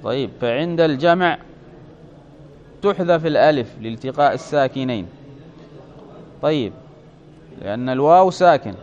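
A man teaching a classroom grammar lesson, explaining step by step and often checking with his students, drawing out his example words slowly. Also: medium pitch, expressive, darkish tone. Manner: slows and stretches example words. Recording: dull lo-fi classroom recording.

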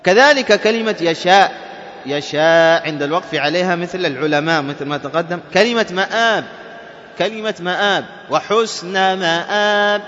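A man's voice: on the high side, fairly bright tone. A man teaching a lesson, asking his class questions, answering them himself and chanting example words. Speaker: Quran recitation teacher. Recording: muffled, reverberant hall.

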